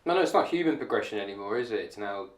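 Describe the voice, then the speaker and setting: A man's voice: lowish voice, lively intonation, racing, roomy sound, a little hiss or hum. A man hosting a comedy podcast, joking and sarcastic in casual chat. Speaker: podcast host.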